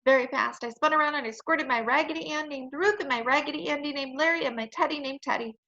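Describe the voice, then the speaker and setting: Woman reading to kids, high, lively storyteller, lo-fi sound. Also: fast. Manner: expressive, playful storytelling. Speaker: children's book reader. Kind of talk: reading a children's chapter book aloud.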